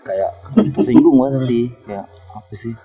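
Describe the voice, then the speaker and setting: A man appearing as a guest on a casual podcast, speaking calmly and plainly. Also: mid-range voice, measured pace, creaky.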